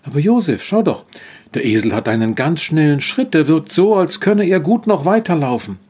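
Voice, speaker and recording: A man doing a calm, kind young woman. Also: a little high, normal speed, slightly rough. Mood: reassuring.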